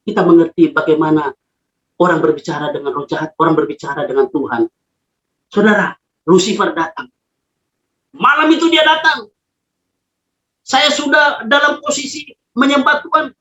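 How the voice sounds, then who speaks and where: A man's voice: high-pitched, fairly bright tone. A man preaching a sermon as a pastor, telling a personal story with emphatic, dramatic delivery. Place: his own room. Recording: echoey, dull lo-fi room recording.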